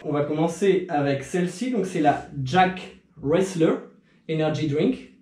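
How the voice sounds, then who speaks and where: A man's voice: a little high, measured pace, a little mellow. A young man chatting casually to camera in a tasting vlog, rambling with fillers and restarts. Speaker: video creator. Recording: echoey room.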